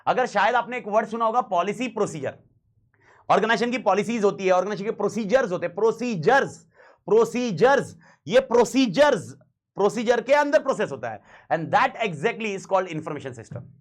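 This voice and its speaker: A man's voice: high voice, expressive, moderate pace. A man teaching a class in a casual, slangy way, repeating key points and mixing in English phrases.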